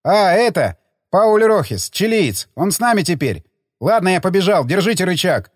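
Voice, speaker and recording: Man doing a brisk, breezy soldier. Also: high-pitched, big pitch swings, dry recording, clean studio sound, voice pushed up. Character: brisk, cheerful male comrade soldier.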